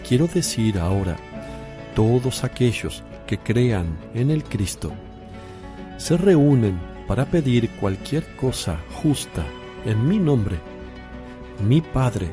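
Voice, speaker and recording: An actor playing Jesus in a religious radio drama, a calm, solemn teacher speaking in a deliberate, measured way. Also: male voice, medium pitch.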